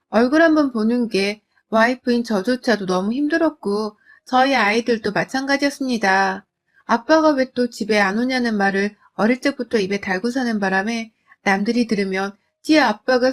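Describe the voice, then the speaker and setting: A woman in her thirties narrating her own family story in a confiding, conversational way. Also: on the high side. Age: 30s. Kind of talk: first-person story narration.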